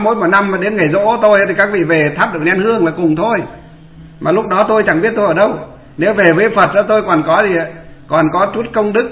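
Monk in an echoey room. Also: male voice, high voice. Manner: rhetorical questions to the audience. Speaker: Buddhist monk. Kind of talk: dharma talk. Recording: echoey room over a tinny line.

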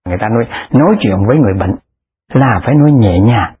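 A man tells stories in a Buddhist dharma talk. His voice is very husky and swoops up and down with animation. It comes through a tinny, phone-like, lo-fi recording. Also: on the low side, expressive, fast. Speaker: Buddhist lay dharma speaker.

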